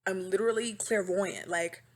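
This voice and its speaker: Recorded at home through a webcam mic, this woman in her 20s chats on her own podcast at a normal pace and medium pitch. Her style is lively, meandering and theatrical, with plenty of self-mockery.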